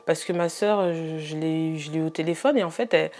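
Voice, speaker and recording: A woman giving an earnest documentary testimony as a bereaved sister. She speaks hesitantly, with frequent filler pauses. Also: low voice, darkish tone. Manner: earnest, emotionally heavy recounting.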